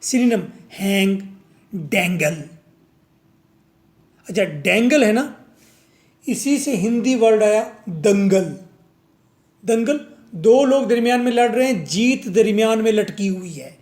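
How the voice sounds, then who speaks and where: A man's voice: sits high, lively intonation, slow, long pauses, a little mellow. A man teaching a vocabulary lesson, drilling words over and over and answering his own questions.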